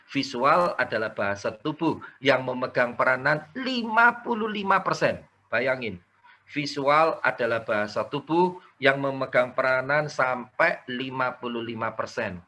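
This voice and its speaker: A man teaching a live online sales training, energetic and coaxing participants to type answers in the chat. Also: medium pitch. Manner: mixes in English words.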